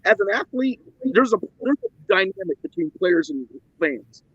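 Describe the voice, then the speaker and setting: Male podcast guest, blunt, husky, lively intonation, dull lo-fi recording. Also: high-pitched, normal speed, no echo. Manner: blunt, opinionated. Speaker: podcast co-host. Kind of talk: casual sports podcast chat. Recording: dull lo-fi dry sound.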